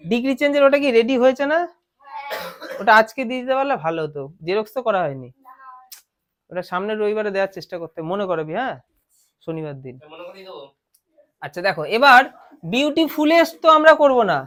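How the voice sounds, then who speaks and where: Bengali-accented woman teaching grammar. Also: on the high side. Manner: explains step by step with frequent questions to students. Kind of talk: classroom lesson.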